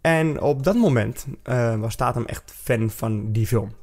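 A man's voice: mid-range voice, measured pace, a little mellow. Rambling podcast host, man. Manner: rambling storyteller, restarts and acts out quotes. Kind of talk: casual podcast chat.

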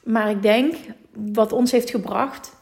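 A woman from Limburg with a thick Limburg Dutch accent, co-hosting a casual, unedited podcast, chatty and quick to laugh, slipping in English phrases. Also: a little high, a little mellow. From Limburg, Netherlands. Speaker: podcast co-host.

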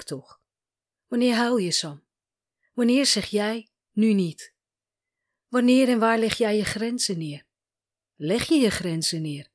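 A woman narrating a first-person story as a coach, speaking calmly and gently and asking probing questions. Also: medium pitch.

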